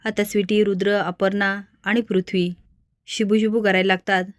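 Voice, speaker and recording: A woman's voice: mid-range voice, flat delivery, moderate pace, no echo, studio quality. Give me a woman steadily retelling a drama story, with a level, unvaried voice. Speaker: storyteller recapping a serial. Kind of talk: scripted story narration.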